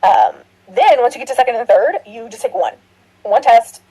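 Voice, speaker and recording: A woman's voice: a little high, moderate pace, warm tone, breathy edge, low-quality recording. A middle-aged woman nursing instructor giving a recorded orientation lecture, chatty and rambling, with laughs and restarts. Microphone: computer mic, screen recording.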